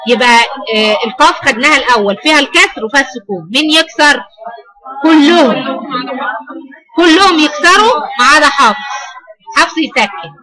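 High-voiced Egyptian woman teaching a class. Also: animated, brisk, pushed and bright, low-quality recording. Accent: Egyptian Arabic. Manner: asks students questions and repeats their answers. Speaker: Quran recitation teacher. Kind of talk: lecture on recitation variants.

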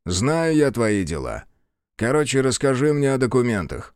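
A man voicing a gruff old general in his 70s. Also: medium pitch, sing-song, a little mellow, no room sound, clean studio sound, close to an everyday voice. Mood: stern. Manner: slow, clipped, barking orders. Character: old male general, gruff, short-tempered.

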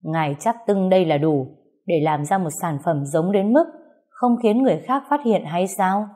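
A woman voicing a calm, proud male craftsman held captive, speaking curtly and evenly, in a storybook reading. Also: lowish voice, close to an everyday voice. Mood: cool. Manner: cool, curt, measured.

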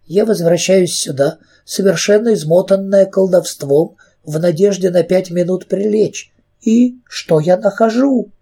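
Stern storybook governess witch, indignant and fussy, mellow husky tone, read by a man. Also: high voice, measured pace, pitched above the performer's own voice, full character voice. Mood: scolding. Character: stern prim middle-aged governess witch.

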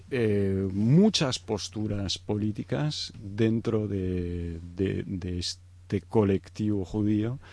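A middle-aged Egyptian man, interviewed as a guest, explains things without a script in a lowish, darkish voice. He hesitates, searches for words, and often tacks on tag questions.

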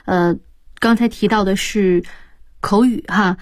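A woman's voice: medium pitch, fairly even intonation, slow pace, no echo. Radio host lady asking questions, lots of mm-hm, dry studio sound. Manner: attentive, frequent backchannel hums. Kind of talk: radio interview.

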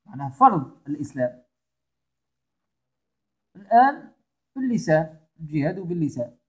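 A man's voice: fairly high pitch, very animated, moderate pace, darkish tone, slightly rough. A man with a Tunisian accent giving a religious lesson, emphatic and repeating his key phrases. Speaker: religious teacher.

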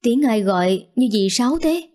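A woman's voice: on the high side, animated, normal speed, a little mellow. A woman voicing a worried middle-aged older sister, anxious and emotional.

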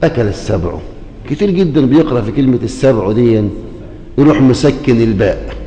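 A man's voice: medium pitch, expressive, fast, mellow, slight background noise. A man with an Egyptian Arabic accent giving a Quran commentary lesson. He speaks straight to his listeners, keeps checking that they follow, and breaks into chanted recitation. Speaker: Quran teacher. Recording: echoey hall with long reverb.

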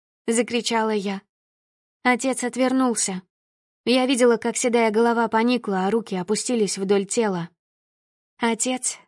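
A woman's voice: a little high, a little mellow, no echo, studio quality. A woman narrating an audiobook in the first person with intense, emotional reading.

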